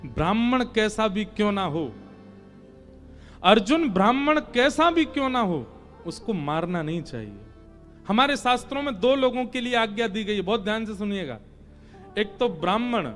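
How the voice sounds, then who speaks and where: Man, preacher, devotional storytelling, high voice, animated, faint music behind. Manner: animated, acts out dialogue in voices.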